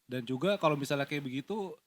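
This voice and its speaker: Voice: mid-range voice, fast. A co-host asking questions in a casual, chatty way with many tag questions. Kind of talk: casual interview hosting.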